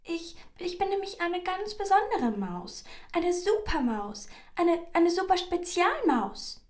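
A woman voicing a small, frightened but clever mouse in a storybook reading, squeaking and stammering. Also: big pitch swings, slow pace, full character voice. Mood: pleading.

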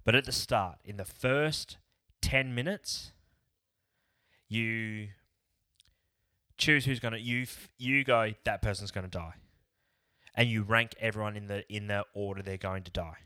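A man's voice: on the low side, unhurried, pauses often, pushed and bright, clean tone, no echo, studio quality. A man co-hosting a podcast, rambling in casual chat and throwing in jokey bits. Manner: rambling, jokey, tries silly accents. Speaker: podcast co-host.

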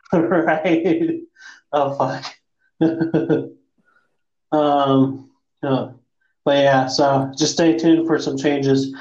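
A slow, easygoing man hosts a podcast with a slightly high voice, laughing between lines. The sound is hollow and boxy, like inside a fishbowl, with a dull, muffled tone. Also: steady tone, a little mellow. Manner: slow-talking, laughs often. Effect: hollow echo of an untreated room, like inside a fishbowl. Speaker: podcast host. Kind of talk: casual podcast chat, telling dark jokes. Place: small untreated room. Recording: echoey, dull home podcast recording.

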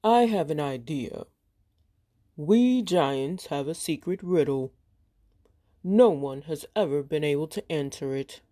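A woman voicing a huge, gruff male giant who is mocking and boastful, speaking in a booming, slow and heavy way. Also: lively intonation, dark tone, no room sound, studio quality, heavily acted.

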